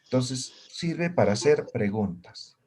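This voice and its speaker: A man's voice: medium pitch, expressive, takes it slowly, darkish tone, husky. A man teaching a language class, patiently explaining and often checking in with his students. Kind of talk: classroom lesson.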